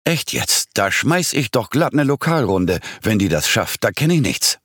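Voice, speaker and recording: A man voicing a loud, brash middle-aged woman who runs a village pub, in an audiobook. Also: mid-range voice, big pitch swings, normal speed, husky, no echo, clean studio sound, pitched above the performer's own voice, exaggerated voice. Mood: excited.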